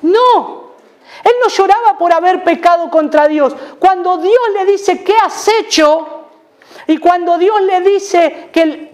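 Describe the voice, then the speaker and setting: Emphatic Argentine pastor preaching. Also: male voice. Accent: Argentine Spanish. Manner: emphatic preaching, repeats key phrases, wide swings in pitch and volume. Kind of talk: sermon.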